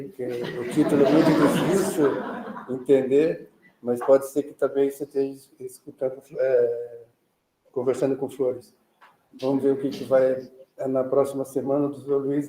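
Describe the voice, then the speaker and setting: Brief: Brazilian male moderator, very dark monotone, wandering asides, roomy echo. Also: medium pitch. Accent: Brazilian Portuguese. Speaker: meeting moderator, nephrologist. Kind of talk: moderating a clinical meeting. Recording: echoey meeting room.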